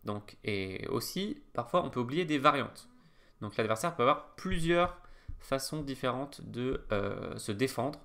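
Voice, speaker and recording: A man with a French accent explaining chess studies in a casual lesson, pausing often with filler sounds and going step by step. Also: mid-range voice, lively intonation, creaky, fairly bright tone. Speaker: chess teacher.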